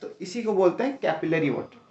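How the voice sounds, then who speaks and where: A man's voice: high-pitched, animated, brisk, a little mellow. Echoey, distant man teaching. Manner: explains step by step, keeps asking "है ना?" and "ठीक है?"; calls students "भैया". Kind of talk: exam-prep lecture. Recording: roomy, distant, dull lo-fi sound.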